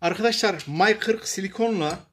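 A man calmly talking viewers through a repair job step by step, pausing often with fillers as he works. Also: high-pitched, slight background noise. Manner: plain and unhurried, addresses viewers as friends, frequent filler pauses. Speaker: DIY repair presenter. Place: workshop bench and outdoor paved yard.

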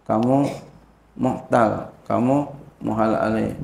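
A man teaches a religious lesson in a slow, unhurried voice with a gravelly edge. He keeps checking that his listeners understand and lifts his voice to chant Arabic phrases. The sound is echoey, as in a large hall. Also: fairly low pitch, fairly even intonation, a little mellow, a little hiss or hum. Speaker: Islamic teacher explaining a classical fiqh text. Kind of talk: informal religious lesson, reading Arabic text and explaining it. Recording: echoey room.

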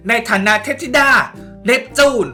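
A woman's voice: normal speed, pushed and bright, faint music behind, close to an everyday voice. A woman voicing a strict, stern little floating fairy girl who scolds.

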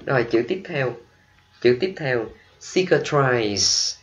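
A man's voice: mid-range voice, fairly bright tone, poor audio. Vietnamese-accented male English teacher. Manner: switches between quick explanations and slow drawn-out model pronunciations. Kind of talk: classroom vocabulary lesson.

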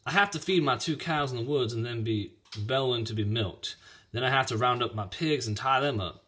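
A man's voice: medium pitch, a little fast, a bit bright, natural voice. A man doing a drawling country farmer. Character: plain-spoken slow rural farmer man.

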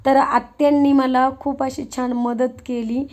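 A woman's voice: sits high, little pitch movement, unhurried, darkish tone. A young woman, chatting homely and straight to her viewers as she narrates her vlog. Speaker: vlogger.

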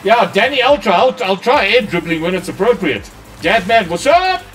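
A man's voice: high-pitched, big pitch swings, normal speed, fairly bright tone, distant mic, faint music behind. A man commenting on his own gameplay during a live stream, his voice run through a voice changer. He chats with viewers between plays and swears when things go wrong. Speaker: gaming streamer.

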